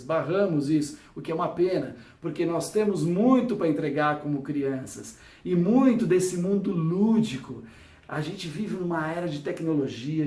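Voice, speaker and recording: A man's voice: fairly high pitch, a little mellow, distant mic. A man giving a motivational lecture to an audience. He acts out imagined dialogue and keeps asking the audience questions. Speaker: speaker. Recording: echoey room, voice from afar.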